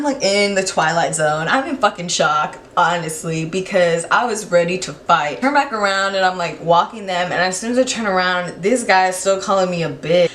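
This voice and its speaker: A young woman telling a storytime vlog in a casual, animated, profane way, full of fillers. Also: lowish voice.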